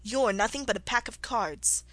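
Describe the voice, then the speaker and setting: A woman voicing a bold, indignant young girl who talks back loudly while reading a storybook aloud. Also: on the high side, moderate pace, no room sound. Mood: scornful. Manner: loud, defiant retorts.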